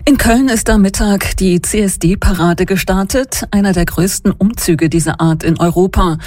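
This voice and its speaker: A woman reading the radio news in a formal, even studio delivery. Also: medium pitch, measured pace, no room sound. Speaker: news presenter.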